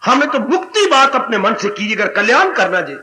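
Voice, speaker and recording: A man giving an animated devotional sermon as a spiritual teacher, breaking into exclamations and sung lines. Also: very high-pitched, a little fast, background noise.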